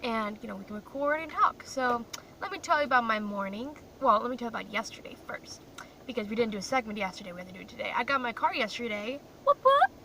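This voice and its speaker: Her voice is on the high side and sharp, and she talks fast and very animatedly. The young woman, raised in Croatia, is vlogging casually into her phone in a parked car, rambling and self-deprecating, recorded on a distant mic with faint car noise.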